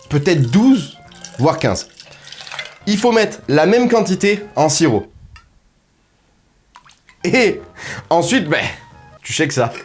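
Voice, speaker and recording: A man hosting a comedic cocktail tutorial, talking straight to the viewer in crude, ironic, mock-serious patter. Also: sits high. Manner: addresses viewer directly. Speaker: host.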